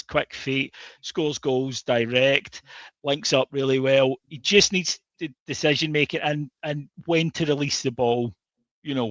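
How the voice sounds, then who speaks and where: Here a Scottish podcast co-host talks football in a loose, halting manner, stumbling through fillers and false starts. His mid-range voice is a bit bright. The recording is dry, dull and lo-fi.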